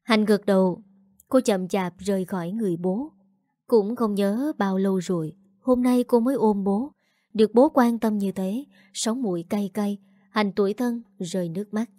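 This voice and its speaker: A woman narrating a scripted audio story in a calm, steady manner. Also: mid-range voice, normal speed, dry recording, clean studio sound.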